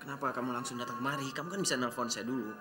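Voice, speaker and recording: A man's voice: mid-range voice, fairly even intonation, rapid-fire, very echoey, over music, natural voice. An actor playing a young, defensive womanizing businessman who pleads and orders people about. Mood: pleading. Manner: pleading, then commanding.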